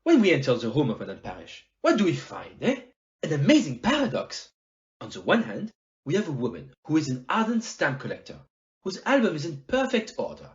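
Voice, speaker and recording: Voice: medium pitch, huge pitch swings, brisk, muffled recording. An amateur actor playing Hercule Poirot, a courteous, shrewd, self-assured detective in an audio play, theatrical, with French phrases and questioning tags. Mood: explaining, self-assured.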